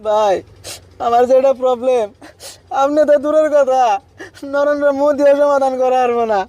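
A sobbing, henpecked young husband, played by a man in a village comedy skit. His voice sits very high yet sounds dark and mellow, and he keeps whining and pleading between sobs. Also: fairly even intonation, normal speed, dry recording, lo-fi sound. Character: young husband beaten daily by his wife, weepy and ashamed.

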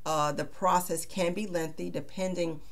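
A middle-aged woman at her office desk, explaining vehicle title procedures in a measured way, with frequent "uh" and "you know". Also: on the low side, steady tone, gravelly. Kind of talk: explainer video. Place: small office. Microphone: webcam at desk.

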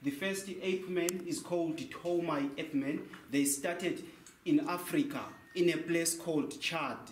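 The voice is a little high and the pace measured: a young man guiding a tour through a large cave, who likes to raise a question and answer it himself. It's recorded indoors on a handheld mic with the camera a few meters away, amid echo and faint noise.

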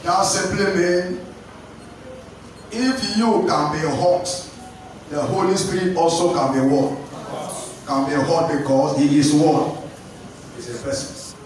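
A young Nigerian man preaching in a big tiled church hall, speaking slowly and deliberately over a handheld mic. The sound is boomy with heavy reverb, and the phone catching it sits well back in the room. His questions to the congregation rise into call-and-response. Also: slight background noise. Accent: Nigerian English. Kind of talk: sermon. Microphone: handheld microphone. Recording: echoey hall filmed from a distance.

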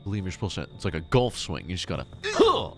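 Low-voiced man streaming a game. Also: huge pitch swings, fast, soft background music. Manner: chatty, thanking and talking to chat while playing. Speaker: streamer host. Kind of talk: live gameplay commentary.

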